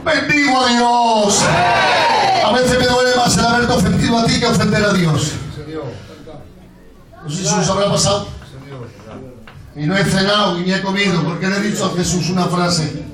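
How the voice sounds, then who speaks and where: High-voiced impassioned preacher. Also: male voice, moderate pace, pauses often, crowd noise. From Bilbao, Spain. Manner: impassioned, often shouting, storytelling with humor. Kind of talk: sermon. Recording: echoey hall with distant mic, music and congregation. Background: music and congregation.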